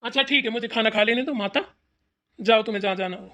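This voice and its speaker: A woman's voice: fairly high pitch, fast, a bit bright, voice pushed down, natural voice. A woman voicing a lazy, easygoing husband in a cartoon, placating his angry wife. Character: lazy grown son eating, mild husband. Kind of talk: cartoon voice acting.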